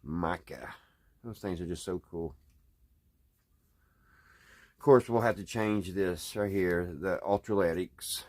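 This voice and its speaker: At an indoor workbench, a hobbyist radio repairer talks through his hands-on work in an unscripted, casual video, folksy and thinking out loud. His low voice is slow and a little mellow, with long pauses.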